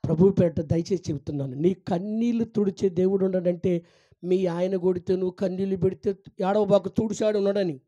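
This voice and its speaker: A male pastor giving a fasting prayer sermon. He preaches fervently, swinging from loud exclamations to hushed, tender pleading, and calls his listeners child and mother. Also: sits high, muffled recording.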